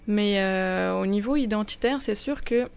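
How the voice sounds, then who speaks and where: A woman's voice: medium pitch, a little slow, gravelly, a little mellow, smooth. A woman from France, a guest on an interview program who talks about her experience in a thoughtful, searching way with frequent restarts. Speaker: guest, immigration project officer. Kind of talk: conversational interview.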